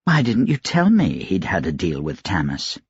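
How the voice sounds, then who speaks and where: A scheming nobleman, cold and emotionless, lays out his threats calmly and without pity, voiced by a male reader. His voice sits low and a little breathy. It is recorded dry and close, with a slightly dull, muffled sound. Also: moderate pace, no room sound, full character voice. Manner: calm, detached, menacing.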